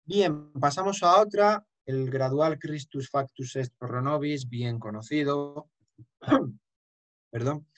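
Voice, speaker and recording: Man, chant teacher, lecturing, emphatic, slow and deliberate. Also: on the high side. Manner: explanatory, emphatic, breaks into chant. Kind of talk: lecture with sung examples.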